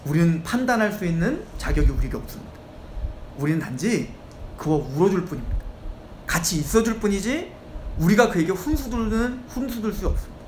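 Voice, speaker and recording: A man's voice: high voice, brisk, slight background noise. A male pastor preaching an expository sermon in a church, switching between reading scripture and voicing characters in casual speech. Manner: animated preaching, voicing Bible characters in plain talk. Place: church sanctuary. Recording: echoey church hall, faint ambience.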